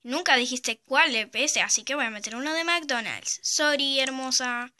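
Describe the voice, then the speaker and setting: A female channel host, chatting casually and reacting in a lively, giggly way as she reads out viewer dares, recorded on a phone. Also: high voice, moderate pace, slight background noise.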